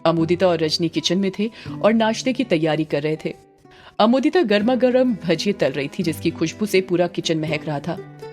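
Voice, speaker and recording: A woman narrating a horror audio story in a steady storytelling manner. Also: on the low side, normal speed, faint music behind.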